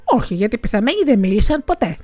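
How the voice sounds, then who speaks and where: Woman doing a stern calm nobleman, firm and measured, storybook style, faint music underneath. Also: on the high side. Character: stern, calm Persian nobleman, middle-aged man.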